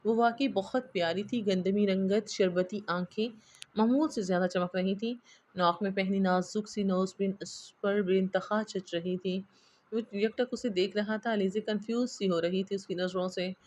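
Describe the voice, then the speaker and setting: A woman reading a romance novel aloud at a steady pace. Her voice sits at an ordinary middle pitch, and her delivery stays even through the narration. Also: moderate pace. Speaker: novel reader. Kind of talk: storybook narration.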